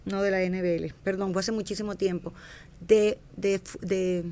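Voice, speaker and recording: Guesting on a podcast, a middle-aged woman who runs a fashion business recounts her career in a relaxed interview, frequently backtracking, self-correcting, and performing the lines she quotes. She speaks at a moderate pace in a warm, mid-range voice with flat delivery.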